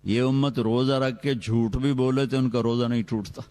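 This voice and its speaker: Man, sermon, dramatic storytelling, slow Arabic chanting, mid pitch, long hall reverb. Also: fairly even intonation. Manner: dramatic storytelling with sudden loud rises and quick asides; chants Quranic Arabic slowly. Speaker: preacher.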